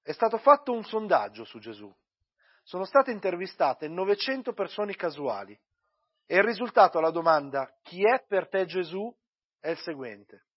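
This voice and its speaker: A man preaching a church sermon, praying with many pauses and repeated addresses, then reading and explaining scripture. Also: high voice, breathy edge, muffled recording. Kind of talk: sermon with prayer and Bible reading.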